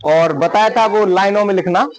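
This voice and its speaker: A man's voice: high voice, moderate pace, dull audio, over a noisy crowd. Brief: man teaching a coaching class, question-and-answer drilling style, recorded in a packed, noisy classroom. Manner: quizzes the class with constant questions; repeats example words aloud for the class. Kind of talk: classroom lesson on English pronunciation rules. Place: classroom full of students. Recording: loud class noise in the background. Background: students chattering.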